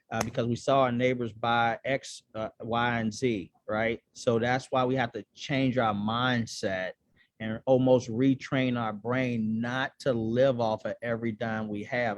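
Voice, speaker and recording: A man's voice: mid-range voice, no echo. A man speaking as a guest on a webinar call, earnest and conversational, often checking in with "right?". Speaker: guest speaker on personal finance. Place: home or office on a webinar call. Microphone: video call microphone.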